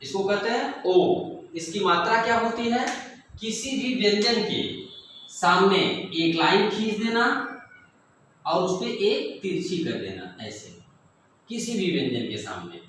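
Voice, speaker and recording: A man teaching young children, speaking slowly and deliberately and repeating each sound for the pupils. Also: high voice, very animated, fairly bright tone. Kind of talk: classroom lesson for children. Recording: echoey room, mic far off, faint noise.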